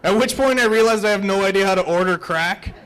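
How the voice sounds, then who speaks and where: High-voiced profane comedian. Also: male voice, fast talker, a bit bright, slight background noise. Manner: rambling, profane, self-deprecating. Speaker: stand-up comedian. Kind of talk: stand-up comedy set. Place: comedy club stage.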